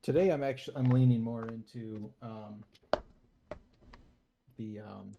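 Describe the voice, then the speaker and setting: Slow, hesitant man at game table. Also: medium pitch, creaky, noisy background. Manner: hesitant, stammering. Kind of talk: casual game-table chat.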